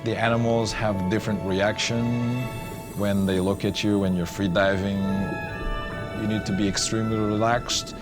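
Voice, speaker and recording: A man's voice: fairly low pitch, flat delivery, moderate pace. A man speaking as a marine researcher, explaining his work in an unscripted nature documentary interview. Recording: clear music under the voice. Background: music.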